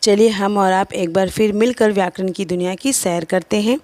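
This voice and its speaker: Woman, grammar lesson for kids, careful explaining, mid-pitched voice, dry close sound. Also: a little mellow, no room sound. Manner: slow, careful explaining with listed examples. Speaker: teacher.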